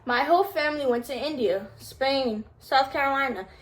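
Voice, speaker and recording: High-pitched woman reading a picture book aloud. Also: moderate pace, poor audio. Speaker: mother reading aloud to her toddler. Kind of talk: picture-book read-aloud with casual asides to a child.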